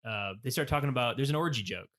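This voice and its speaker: A man in his thirties, a podcast co-host, telling a lively story in casual chat, acting out the lines he quotes and swearing freely. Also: medium pitch, quick pace.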